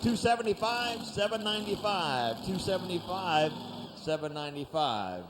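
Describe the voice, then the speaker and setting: A man works as a tractor pull announcer, calling the event in an informal, conversational style. His voice sits clearly high for a male. Engine and vehicle noise runs faintly behind him. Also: very animated, moderate pace. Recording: noisy event with engine rumble.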